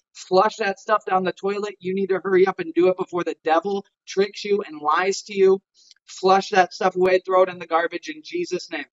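A man's voice: sits high, muffled recording. A man giving his testimony, who exhorts the listener directly and prays fervently. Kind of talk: fervent preaching and prayer.

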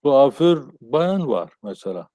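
A man in his sixties giving an informal academic lecture as a professor, explaining haltingly on a video call. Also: medium pitch, sing-song, dark tone, no room sound. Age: 60s. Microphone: earphone headset on a video call.

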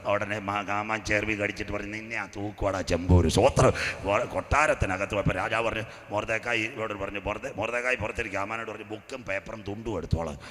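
A male pastor preaching a sermon, telling a story with comic asides and building to loud, fervent calls. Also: on the low side, fairly even intonation, quick pace, in a large hall. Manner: storytelling with comic asides, often calling "praise the Lord".

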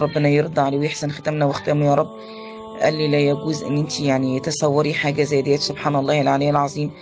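A woman's voice: sits low, a little mellow. An Egyptian woman in her forties, a corpse washer, talking in a voice message in a shaken way and repeating pious phrases.

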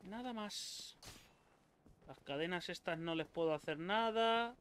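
A man from Spain with a Spanish accent, commentating his own gameplay in an excitable, swearing, talk-to-himself way. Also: sits high, a little slow, slight background noise. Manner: excitable, swears a lot, talks to himself and viewers. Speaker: gaming YouTuber.

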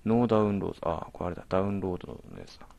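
A man's voice: low voice, rapid-fire, creaky, noisy background. A man commentating a horror game as he plays, jumpy, alternately exclaiming and muttering to himself. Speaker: let's play commentator.

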